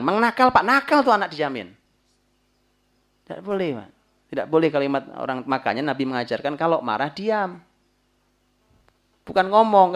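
A man in his forties preaching a sermon with an Indonesian accent, talking straight to his listeners and raising his voice to act out quotes. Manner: lively, addresses listeners as "Pak", voice swings high when acting out quotes. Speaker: Islamic preacher. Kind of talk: lecture sermon to a congregation.

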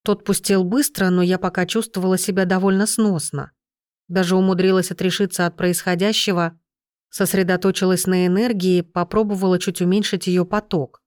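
A woman reading a first-person audiobook in a steady, measured storytelling voice. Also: on the low side, no echo, clean studio sound. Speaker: audiobook narrator.

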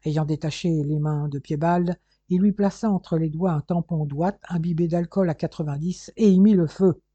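An audiobook narrator giving a measured, expressive reading of a novel chapter. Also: medium pitch, no echo. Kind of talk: scripted narration. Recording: dull, dry lo-fi recording.

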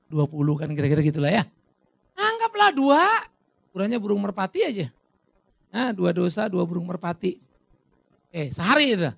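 A man preaching a sermon as pastor, animated and dramatic, asking the crowd questions and acting out little dialogues. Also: high voice, vocal fry, no echo.

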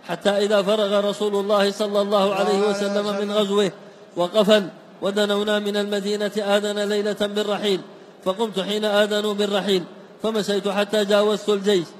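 A man reading classical text aloud in a steady, chanting recitation for a class. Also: high voice. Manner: even, chanting recitation of chains of narrators. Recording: long hall reverb.

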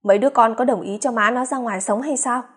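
A man's voice: very high voice, fast talker, a bit bright, husky, full character voice. A woman reading the part of a worried middle-aged brother, asking uneasy questions.

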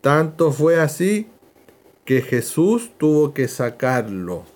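A man teaching a verse-by-verse Bible lesson, slow and emphatic, repeating key phrases. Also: a little high, sing-song, a little mellow.

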